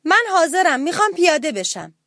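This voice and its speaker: A woman's voice: extremely high pitch, very animated, bright, forceful tone, dry recording, clean studio sound, voice pushed up, exaggerated voice. A woman voicing a timid, panicky little male mouse in a children's storybook, crying out in fear. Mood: pleading. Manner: squealing, frightened cries.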